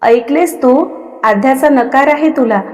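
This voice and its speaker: A woman's voice: high-pitched, unhurried. Scolding bossy grandmother, voiced by a woman. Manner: scolding, ordering others about. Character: bossy grandmother, old woman, quick to anger. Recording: long reverb.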